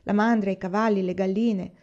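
Colono testardo e schietto, letto da una donna, registrazione un po' spenta. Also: male voice, sits high, fairly even intonation, brisk, a little mellow, natural voice. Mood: firm. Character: stubborn homesteader man, plain-spoken. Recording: slightly dull lo-fi recording.

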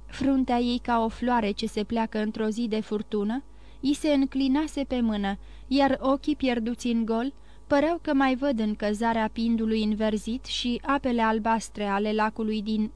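Brief: female audiobook narrator, higher pitch, measured and expressive. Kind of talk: scripted literary narration.

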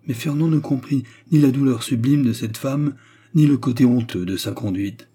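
A man narrating a classic novel in a measured, even storytelling manner. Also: medium pitch, husky. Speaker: audiobook narrator.

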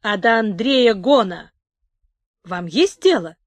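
A woman's voice: mid-range voice, animated, takes it slowly, no echo. A woman voicing a stubborn, cunning old village man who grumbles and quarrels in rustic speech in an audiobook. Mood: sly, threatening.

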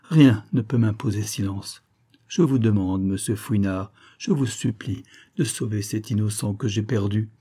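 A man with a husky, mellow, lowish voice reads from a novel for an audiobook. His character is a dying woman, a former false witness consumed by guilt, who confesses in anguish, pleading and repeating words hopelessly.

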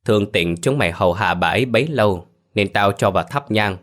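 A man's voice: fairly low pitch, animated, fairly quick, fairly bright tone. A male narrator voicing a spiteful concubine who orders servants out with contempt. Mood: scornful.

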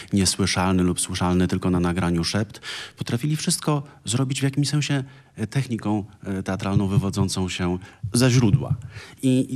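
A man with a fairly low voice speaks as a music critic on a radio panel. He talks in an enthusiastic, expansive way and breaks into exclamations of praise, as in a studio discussion. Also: a little mellow.

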